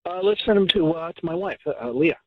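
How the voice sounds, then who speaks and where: On a radio prank segment, a male caller talks hesitantly over the phone, stammering and laughing nervously. His voice is a little high, expressive and fast, recorded dry, with dull phone-line audio.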